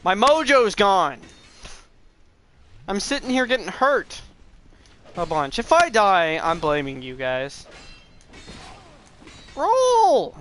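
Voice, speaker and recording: A young man rambling through live gameplay commentary as a streamer, excitable and swearing at the game. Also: high voice, takes it slowly, pauses often. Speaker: gaming streamer.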